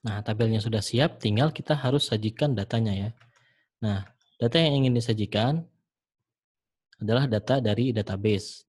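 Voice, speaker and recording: A man teaching programming in a screen-recorded tutorial, talking the viewer through each step in a relaxed way with frequent fillers. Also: lowish voice. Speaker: programming instructor.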